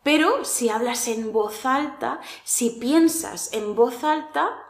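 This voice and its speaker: A woman with a Spain Spanish accent teaches a language lesson, speaking slowly and with care. Her voice sits a little high, and she coaches in a clear, deliberate way. The room around her echoes.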